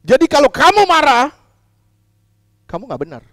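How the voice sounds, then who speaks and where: A man preaching a sermon as pastor, putting questions to the congregation, repeating key lines and swinging between loud emphatic lines and quiet asides. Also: very high-pitched, wildly swooping pitch, normal speed, no room sound, studio quality.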